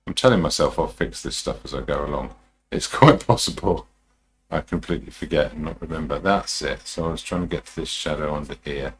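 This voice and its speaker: A man talking through a live demonstration as a painting instructor, informal and unhurried, muttering his thoughts to himself as he works. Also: a bass voice, steady tone, a little hiss or hum. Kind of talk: TV painting instructor style, musing aloud while demonstrating.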